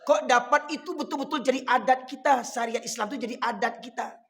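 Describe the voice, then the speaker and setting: A man's voice: extremely high pitch, brisk, big-room sound. A man with a Minangkabau accent preaching a sermon, fiery and scolding. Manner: fiery, scolding, switches between dialect and Indonesian.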